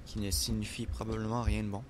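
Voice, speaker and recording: A man's voice: lowish voice, level tone, quick pace, slight background noise. A man, chatting playfully during a game, with mock-formal asides. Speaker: gamer co-host. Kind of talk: casual gameplay chat.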